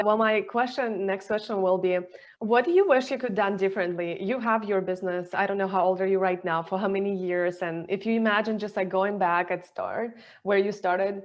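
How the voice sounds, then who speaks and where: A woman's voice: medium pitch, moderate pace. A woman hosting a podcast interview, enthusiastic and asking rambling questions in non-native phrasing. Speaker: podcast host.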